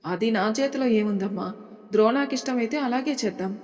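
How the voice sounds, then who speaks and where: A woman narrator plays a gentle elderly grandmother with a soft, reasonable way of talking. She reassures rather than argues. A long reverb trails her words. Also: on the high side, fairly quick, natural voice. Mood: calm.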